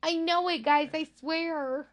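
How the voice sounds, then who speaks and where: A woman's voice: very high voice, fairly even intonation, slow. A woman chatting casually as a guest, giggly and self-deprecating. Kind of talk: casual chat.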